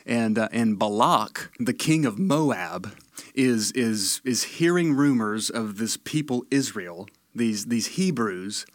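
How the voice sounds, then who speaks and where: A man's voice: on the low side, animated, takes it slowly, no echo, clean studio sound. A man from Tennessee with a Tennessee accent, hosting and teaching the Bible in a casual storytelling way, often repeating words.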